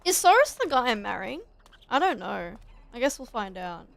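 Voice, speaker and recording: A young woman streaming a fantasy game, excitable, swearing and laughing as she comments. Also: on the high side, moderate pace, vocal fry. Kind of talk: gameplay commentary.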